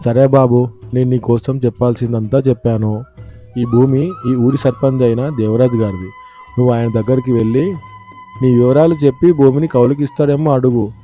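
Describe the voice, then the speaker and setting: A man's voice: medium pitch, fairly even intonation, normal speed, warm tone, soft background music, close to an everyday voice. A man voicing a worried old village man in a storybook cartoon, earnestly giving a warning. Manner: earnest, cautioning.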